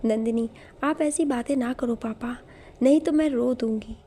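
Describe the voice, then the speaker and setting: A woman's voice: fairly high pitch, normal speed, warm tone, close to an everyday voice. A woman storyteller voicing an earnest, ambitious young daughter in a spoken storybook. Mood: pleading.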